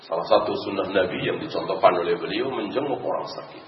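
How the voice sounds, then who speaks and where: A man's voice: low-pitched, fast talker. A man preaching an Islamic lecture, asking rhetorical questions and explaining Arabic verses. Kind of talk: religious lecture. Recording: roomy, distant, dull recording with faint noise.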